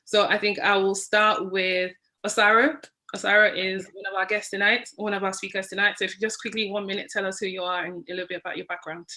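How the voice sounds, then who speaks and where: Bright-voiced woman hosting an online panel. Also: mid-range voice, flat delivery, quick pace, poor audio. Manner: earnest, stumbling restarts. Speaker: host.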